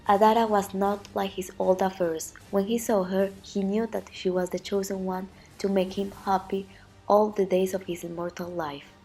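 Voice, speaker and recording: Mellow-voiced woman gravely narrating a myth. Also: mid-range voice, level tone, moderate pace, faint music behind, rough recording. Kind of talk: scripted narration of an ancient myth.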